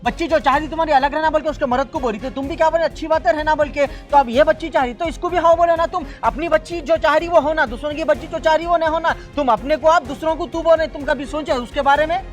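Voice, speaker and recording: A man's voice: very high voice, soft background music. A man playing a son who lectures his mother and in-laws in a comic family skit. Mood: pleading. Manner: fast, preachy, lecturing. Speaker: son and peacemaker in a family sketch.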